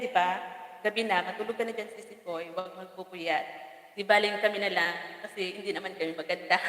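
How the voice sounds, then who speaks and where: A woman's voice: mid-range voice, a bit bright. Chatty Bicolano woman in an echoey room. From Bicol region, Philippines. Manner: chatty and teasing, laughs often, stumbles over names. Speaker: farm vlogger hosting a live stream. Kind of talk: casual live-stream chat reading viewer comments. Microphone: phone. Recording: echoey room with long reverb.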